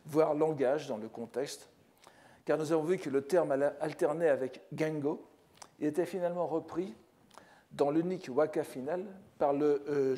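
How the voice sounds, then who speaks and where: An older man giving a scholarly lecture as a professor, measured and careful, often restarting phrases and adding rhetorical asides. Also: medium pitch, mellow. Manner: measured, scholarly, with frequent restarts and "n'est-ce pas". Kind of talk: academic lecture. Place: lecture hall.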